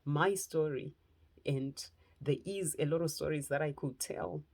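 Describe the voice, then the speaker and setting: A woman's voice: low voice, measured pace, darkish tone, breathy edge. A woman from Zimbabwe with a Zimbabwean accent, giving an earnest personal testimony as a motivational speaker and lifestyle preacher. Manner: earnest, heartfelt, speaking in short phrases.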